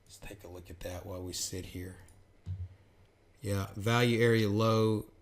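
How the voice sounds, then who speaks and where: A man's voice: on the low side, steady tone, a little slow. A man giving live trading commentary, calling out prices and orders in short bursts and talking himself through the trade.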